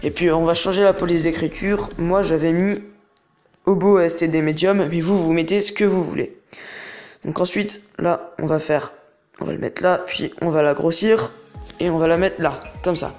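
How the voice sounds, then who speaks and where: Here a young host takes viewers through a phone app one step at a time at a moderate pace, a bit of music faintly audible. The mid-range voice is steady and a little mellow, and this casual screen-recording tutorial rambles chattily with many hesitations.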